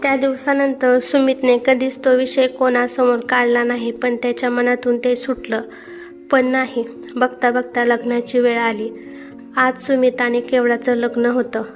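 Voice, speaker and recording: High-voiced woman storyteller. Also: monotone, a little slow. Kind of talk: scripted story narration. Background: soft background music.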